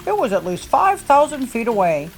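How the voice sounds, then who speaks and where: Woman as a reassuring, animated papa bear. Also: on the high side, slight background noise, voice pushed up. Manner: explanatory, unhurried. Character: calm, reassuring father bear.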